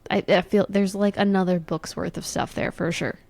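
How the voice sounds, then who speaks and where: Woman, podcast co-host, mid pitch, gravelly fry, casual chat, thinks aloud. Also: steady tone, moderate pace, a little mellow, dry recording. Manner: thinking aloud, correcting herself.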